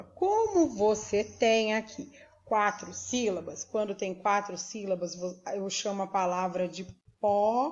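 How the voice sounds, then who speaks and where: A woman's voice: medium pitch, mellow, lo-fi sound. A woman from Brazil teaching a recorded school lesson, spelling out words syllable by syllable and asking her pupils questions to check they follow. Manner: slow, spells out syllables one by one.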